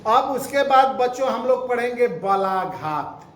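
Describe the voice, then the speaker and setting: Slow, high-voiced male teacher, echoey room. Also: lively intonation, a bit bright, a little hiss or hum. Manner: slow, explanatory, addresses children, repeats terms. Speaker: school Hindi teacher. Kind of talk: classroom grammar lesson.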